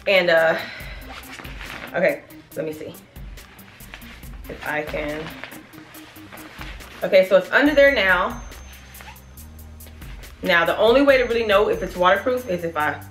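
A woman in her thirties, a family vlogger chatting casually to her viewers in a product review, animated and calling them y'all. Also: on the low side, a little slow, pauses often, faint music behind. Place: small room in front of a plain wall. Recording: echoey room.

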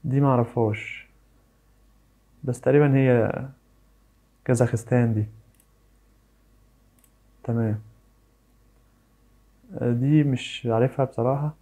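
An Egyptian man chatting casually as he works through a quiz. His voice is mellow and warm, and he thinks aloud, weighing his guesses and poking fun at himself when he misses. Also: mid-range voice, fairly even intonation, measured pace, long pauses. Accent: Egyptian Arabic. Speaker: YouTuber. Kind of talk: casual commentary on a flag quiz.

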